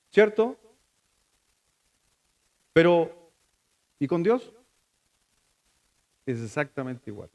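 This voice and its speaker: A middle-aged Chilean man delivers a sermon from the pulpit, his voice pitched noticeably high for a man. He talks to the congregation as if chatting, tossing them rhetorical questions. Now and then he stumbles and restarts a phrase. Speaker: pastor.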